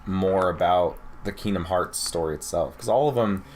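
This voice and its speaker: A young man with a deep voice talks casually, like a fan reviewing a game trailer. There is some background noise around his voice. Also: moderate pace. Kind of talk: casual chat. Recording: steady background room noise.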